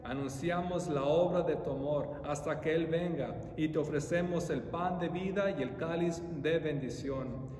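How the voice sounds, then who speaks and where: Saying mass in a large, echo-filled church, a male priest delivers solemn liturgical prayer with formal, measured ritual phrasing. His voice is a little mellow. Some background noise comes through, along with a faint low rumble.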